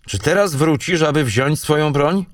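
A man's voice: fairly high pitch, normal speed, no room sound, clean studio sound, voice pushed up, close to an everyday voice. A man voicing an earnest Norse uncle explaining a plot in a storybook reading. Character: older Norse uncle, earnest plotting conspirator.

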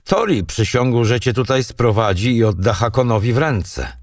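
A man's voice: medium pitch, animated, normal speed, dry recording, clean studio sound, natural voice. A man voicing an earnest Norse uncle explaining a plot in a storybook reading. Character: older Norse uncle, earnest plotting conspirator.

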